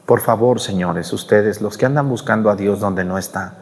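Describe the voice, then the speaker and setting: Priest preaching in a long church reverb. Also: male voice, fairly low pitch, moderate pace. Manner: conversational preaching, acting out quoted parishioners. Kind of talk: homily at mass.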